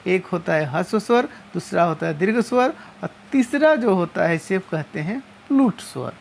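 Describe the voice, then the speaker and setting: A woman teaching a lesson, explaining step by step and slowly spelling out each sound. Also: lowish voice, expressive, creaky, a little hiss or hum. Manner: slow and methodical, repeating and spelling out sounds.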